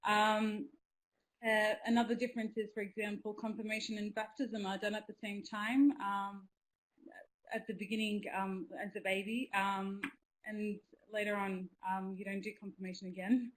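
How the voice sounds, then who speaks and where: Speaking from a small room indoors at home, this young adult from Australia represents youth in a webinar talk over video call. Her mid-range voice has a flat delivery at normal speed, casual, earnest, and enthusiastic, full of ums and restarts, on a low-quality recording.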